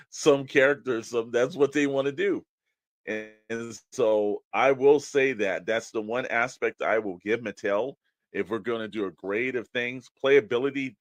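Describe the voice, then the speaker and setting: An American man with a lowish voice co-hosts a toy podcast, chatting in a casual, conversational style. There's no room sound.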